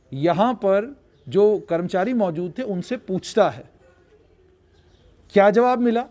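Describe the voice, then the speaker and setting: A male news reporter with a high-pitched voice, talking through the story in a clear, explanatory way. He sets out each step before turning to question the person beside him. The pitch sits well above most men's. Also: a little mellow. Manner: explanatory, prompting with frequent hums. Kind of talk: field news report and interview.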